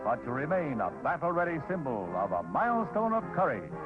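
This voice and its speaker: Over a tinny vintage newsreel soundtrack with loud music, an American man delivers dramatic scripted narration in a solemn, declamatory style. His voice is fairly high and a little fast, with huge swings in pitch.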